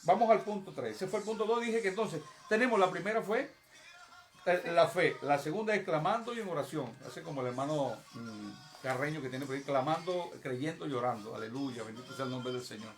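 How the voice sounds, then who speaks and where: A man's voice: on the high side, a little fast, faint music behind. A man preaching an evangelical sermon in a church service. He speaks emphatically to the congregation and acts out prayers and pleas in a raised voice. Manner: emphatic, addresses the congregation directly.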